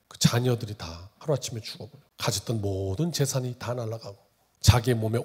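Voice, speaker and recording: A man's voice: mid-range voice, darkish tone, husky. A male pastor preaching a Sunday sermon in a conversational way, often putting questions to the congregation.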